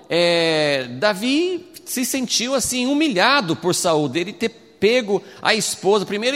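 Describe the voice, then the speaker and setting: Male Bible teacher, slightly high voice, chatty retelling, long hall reverb. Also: a bit bright. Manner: retells scripture conversationally with frequent tag questions.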